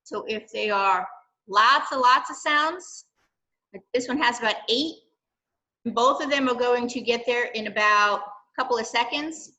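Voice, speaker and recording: An older woman reading a picture book aloud, then explaining sound to children in a gentle, plain way with many "okays.". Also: on the high side, unhurried, poor audio. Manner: gentle, explaining with frequent "okay" and "right". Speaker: library science program leader. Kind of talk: children's science lesson.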